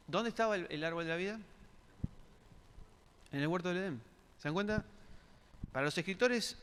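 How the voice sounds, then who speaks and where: A man's voice: high-pitched, creaky, a bit bright. A man preaching a sermon in a church, asking the congregation questions and repeating words as he searches for them. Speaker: pastor. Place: church hall. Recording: church hall reverb.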